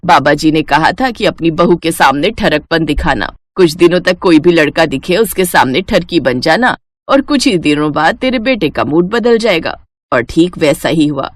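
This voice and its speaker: In Hindi cartoon story voice acting, a woman plays an earnest middle-aged mother-in-law who explains things matter-of-factly within a family tale. Her deep, expressive voice moves at normal speed on a dry recording, carrying a confessing, relieved mood.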